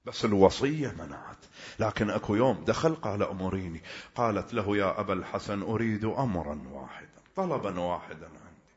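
Male preacher for a mourning sermon, very expressive pitch, dull lo-fi recording. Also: brisk. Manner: lamenting, swings from hushed murmurs to loud cries.

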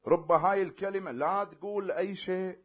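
A man preaching a sermon, swinging between loud emphatic declarations and hushed, quiet passages. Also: high-pitched, fairly even intonation, fairly quick, husky.

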